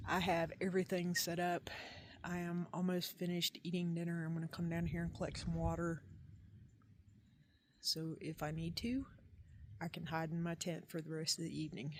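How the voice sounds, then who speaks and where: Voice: medium pitch, monotone, normal speed. Trail vlogger, middle-register voice, off-the-cuff and hesitant, recorded outdoors with faint noise. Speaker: backpacker vlogging a long trail hike. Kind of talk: casual, unscripted trail diary. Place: outdoors at a campsite by a wilderness lake.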